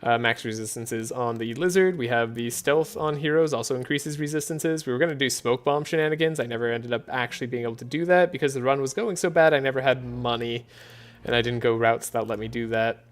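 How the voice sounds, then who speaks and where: A man streaming a card game, talking in a soft, relaxed, sleepy way with frequent chuckles. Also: medium pitch, a little fast. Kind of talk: relaxed gameplay commentary.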